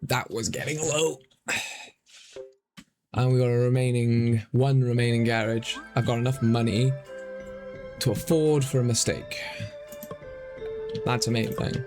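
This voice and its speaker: Man rambling over a game. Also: medium pitch. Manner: rambling, self-conscious musing aloud. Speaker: streamer. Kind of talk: casual gameplay commentary.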